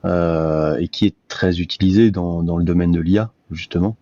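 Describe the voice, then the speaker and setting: A man's voice: sits low, steady tone, normal speed, warm tone, dry recording. A man in his forties hosting a casual tech discussion, hesitant with many fillers and restarts. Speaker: podcast host. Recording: dull lo-fi sound.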